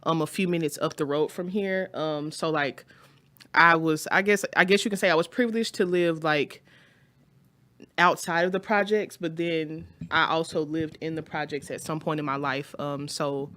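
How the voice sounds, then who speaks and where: A woman's voice: deep voice, fairly even intonation, moderate pace, a bit bright, dry recording. A woman, a podcast guest, speaking easygoing and a bit hesitant with many fillers. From Texas. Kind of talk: casual interview chat.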